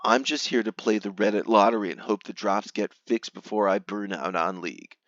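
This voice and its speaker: A man reads aloud in a hammy, theatrical stage-actor manner, mock-grave, with emphatic swells and hushed drops. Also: lowish voice, fairly even intonation, a little fast, no echo, highs cut off. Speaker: reader of a gamer's forum post. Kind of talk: theatrical dramatic reading.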